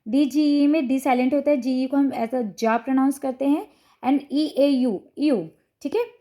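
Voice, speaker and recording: ऊँची, मधुर आवाज़ वाली महिला शिक्षिका. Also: female voice, sits high, unhurried, mellow. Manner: patient, step-by-step explaining with frequent "ठीक है" checks. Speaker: teacher explaining phonics to parents. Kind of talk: explanatory lesson to camera.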